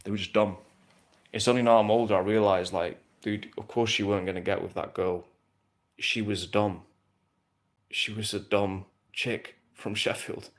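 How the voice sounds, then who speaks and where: A man's voice: on the low side, steady tone, moderate pace. A man, talking bluntly and casually with plenty of swearing while answering viewer questions on a live stream. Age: 30s.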